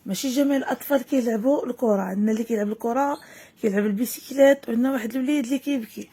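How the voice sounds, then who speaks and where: A Moroccan woman teacher reads a French lesson text slowly and clearly, then explains it quickly in Moroccan Arabic. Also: a little high, dark tone. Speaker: primary school French teacher. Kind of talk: reading lesson, slow read-aloud with explanations.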